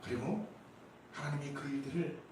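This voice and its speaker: A man with a slightly high voice speaks at an ordinary pace, delivering a Sunday sermon as a pastor in a church sanctuary. His preaching is emphatic and packed with rhetorical questions. The recording was made from a distance in an echoing church hall, with a faint background noise.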